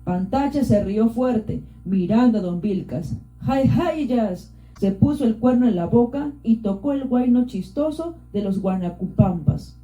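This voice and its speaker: A woman narrating an audiobook in a steady, measured storytelling voice. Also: medium pitch, faint music behind. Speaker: audiobook reader. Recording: roomy, dull lo-fi.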